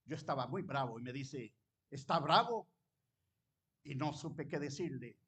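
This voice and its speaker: A man preaching a sermon, fervent, switching between loud exclamations and quiet personal storytelling. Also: mid-range voice, normal speed, slightly rough. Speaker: pastor.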